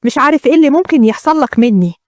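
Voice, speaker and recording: A woman's voice: sits high, expressive, racing, darkish tone, no room sound. A woman with an Egyptian accent voicing a jealous, domineering first wife who threatens and commands. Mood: cruel. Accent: Egyptian Arabic.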